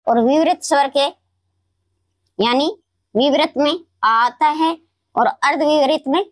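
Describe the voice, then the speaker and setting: High-voiced woman teaching Hindi grammar. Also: no room sound. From Rajasthan, India. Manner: repeats key words slowly, asks and answers her own questions. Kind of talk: classroom lesson explaining grammar.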